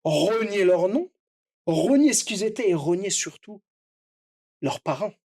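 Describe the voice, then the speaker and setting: A middle-aged chef from Seine-Saint-Denis in the Paris suburbs speaks as a guest on a casual podcast, passionate and emphatic, driving key words home by repeating them. His voice is high, expressive, warm and a little slow.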